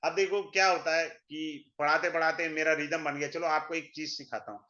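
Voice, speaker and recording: A man's voice: a little high, fairly even intonation, moderate pace, pushed and bright. A man teaching an astrology class in a chatty, blunt way, mixing in English phrases. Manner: chatty, mixes Hindi and English, blunt asides. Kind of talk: informal online class lecture. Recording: dull lo-fi sound.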